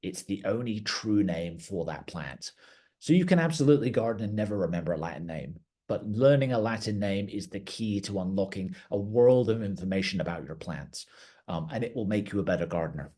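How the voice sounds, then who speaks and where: A man's voice: fairly low pitch, expressive, brisk, mellow, husky. A middle-aged man, a garden director, giving a conversational educational talk to gardeners, plain-spoken with occasional restarts. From outside the United States. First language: English.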